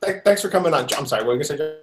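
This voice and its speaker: A man's voice: on the high side, expressive, rapid-fire, a crowd in the background, low-quality recording. A man hosting a casual podcast, teasing his guest and laughing often. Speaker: podcast host. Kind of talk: casual joking podcast chat.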